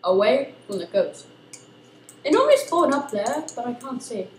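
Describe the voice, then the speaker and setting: A young woman, chatting excitedly while recording herself playing a video game. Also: a little high, moderate pace, roomy sound, rough recording. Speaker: gamer recording gameplay. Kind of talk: let's play commentary.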